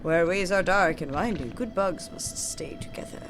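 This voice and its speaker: A woman's voice: medium pitch, wildly swooping pitch, normal speed, background noise. A woman voicing a grandiose, welcoming flea caravan master in a video game, with theatrical, old-fashioned formal phrasing. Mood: grand, welcoming. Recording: music playing behind the voice.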